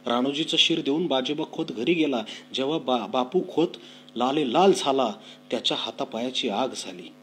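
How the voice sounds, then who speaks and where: A man's voice: mid-range voice, normal speed, fairly bright tone, faint music behind. Man retelling a novel aloud. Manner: explanatory, repeats lines for emphasis. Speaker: storyteller.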